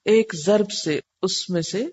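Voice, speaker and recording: A woman's voice: medium pitch, darkish tone, slightly rough. A woman teaching a word-by-word scripture lesson. She explains patiently and poses questions to her class, then answers them herself. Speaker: Quran teacher. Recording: dull lo-fi with faint hiss.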